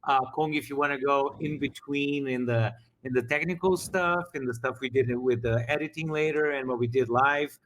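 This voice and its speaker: A man's voice: mid-range voice, steady tone, moderate pace, hardly any pauses, fairly bright tone, a little hiss or hum. A man talking casually as a game master, rambling with frequent restarts while reflecting on his campaign. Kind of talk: casual after-show chat.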